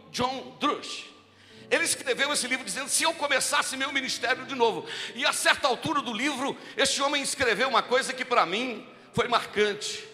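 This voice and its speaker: A man preaching a sermon at a church event in Brazil, with a deep, strong voice, telling stories and repeating key lines as he builds to fervent exhortation. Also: pushed and bright. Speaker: pastor. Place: large church hall. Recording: live church recording with long reverb and music.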